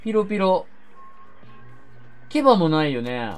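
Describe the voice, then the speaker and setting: A woman gaming YouTuber giving excitable game commentary, shouting reactions and talking to viewers. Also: on the low side, unhurried, faint music behind.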